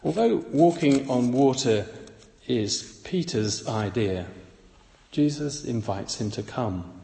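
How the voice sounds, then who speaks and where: Slow, reflective man preaching in an echoey hall. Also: mid-range voice, creaky, warm tone. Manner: measured, reflective reading. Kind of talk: devotional Bible reflection.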